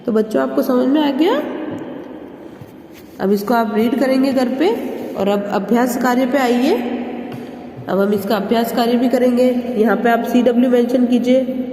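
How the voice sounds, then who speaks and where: Slow-spoken woman teacher in echoey room. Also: on the high side, warm tone, a little hiss or hum. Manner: slow, drawn-out pronunciation of example words. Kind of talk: Hindi lesson for children. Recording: echoey room with long reverb.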